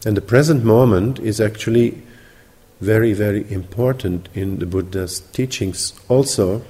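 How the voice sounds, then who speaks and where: Low mellow guy, mixed sinhalese dutch british accent, giving meditation instructions in a reverby hall. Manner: measured, explanatory, pausing between short phrases. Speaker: meditation teacher. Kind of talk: spoken retreat instruction.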